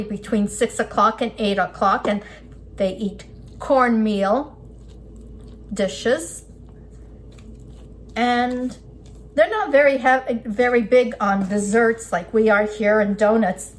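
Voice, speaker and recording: A woman giving a casual cooking demonstration as an instructor, explaining each step as she works with her hands. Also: fairly high pitch. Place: indoors at a work table. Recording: clear background noise, kitchen ambience.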